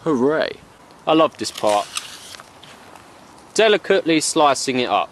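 A man's voice: fairly high pitch, sing-song, a little slow. A young man from the UK narrating a bushcraft trip outdoors in a playful, slangy way. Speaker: bushcraft vlogger. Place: outdoors in woods and meadow.

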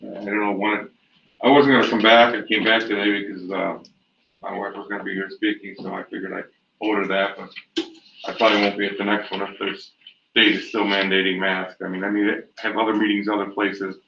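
A man on a school board speaking in a halting way with many pauses and blunt opinions. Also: fairly low pitch, flat delivery, gravelly. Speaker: board member. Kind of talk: meeting remarks. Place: school library meeting room. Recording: roomy, distant, noisy lo-fi mic.

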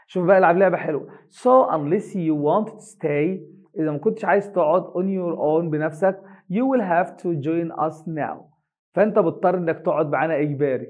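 An English teacher with an Egyptian Arabic accent, who reads a story slowly in English and translates each line quickly into colloquial Arabic. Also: male voice, on the high side, narrow, tinny audio. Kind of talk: reading an English reader aloud line by line and translating it.

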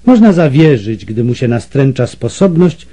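A man narrating an adventure novel as an audiobook reader, telling it in an expressive storytelling manner. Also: medium pitch, moderate pace. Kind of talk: scripted narration.

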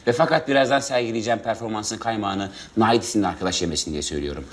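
A man's voice: on the low side, racing. A man in his forties from Turkey, an actor at an audition in a sitcom, overly polite and stammering with fillers. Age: 40s. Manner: bursts into shouted raging rant. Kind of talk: sitcom acting.

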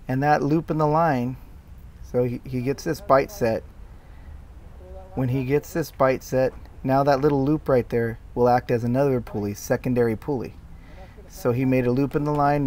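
A man's voice: mid-range voice, darkish tone. Plain-spoken man explaining his work. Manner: plain, explanatory, with many fillers and restarts. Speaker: tree care worker explaining his video. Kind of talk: casual voice-over commentary.

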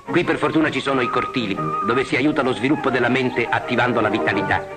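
A man's voice: medium pitch, steady tone, fast talker. A man reading scripted 1950s newsreel narration in a formal, declamatory manner. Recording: old film soundtrack with loud music.

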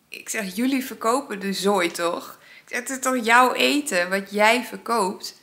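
A woman's voice: medium pitch, pushed and bright. A woman vlogging, casually telling a story and acting out both sides of an argument. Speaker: vlogger, single mother.

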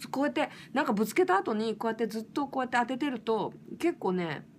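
A woman singer from Fukushima chatting casually and roughly on a late-night livestream, laughing often. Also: on the high side, fast, slight background noise. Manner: lively, rough casual speech with frequent laughs.

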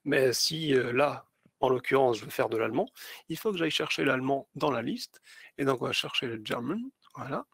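A man walks teachers through a tutorial one step at a time, with fillers between his phrases. His voice is gravelly and a little husky. The sound is dry and close. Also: medium pitch, brisk, fairly bright tone, no echo. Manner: explains step by step with many fillers. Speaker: teacher trainer. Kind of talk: screen-share tutorial.

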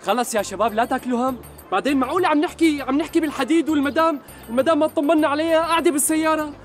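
An actor playing a smooth-talking con man who apologises too much, with a Syrian accent, in a TV comedy sketch. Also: very high voice, soft background music. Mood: smooth reassuring. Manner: fast, ingratiating and overly apologetic. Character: smooth-talking male con man posing as a returnee from abroad. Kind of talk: Levantine TV comedy acting.

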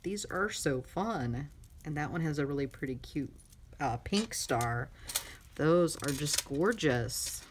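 Gushing, animated woman crafter unboxing. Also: deep voice, slow pace. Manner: gushing, excitable, chatty with fillers. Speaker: crafting vlogger. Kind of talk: casual unboxing chat. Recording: noisy room with crinkling and clicks.

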